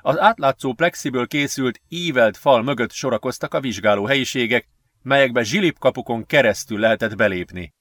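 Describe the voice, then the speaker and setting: Steady male audiobook narrator, dry sound. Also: medium pitch, no echo. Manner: steady, measured storytelling. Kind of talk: scripted narration.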